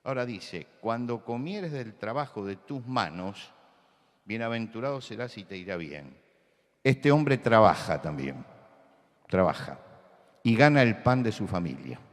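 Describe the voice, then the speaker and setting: Older male pastor, Rioplatense accent, low voice, storytelling sermon, long hall reverb. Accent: Rioplatense Spanish. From Buenos Aires, Argentina. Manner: storytelling, conversational, rising to emphatic. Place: large church hall.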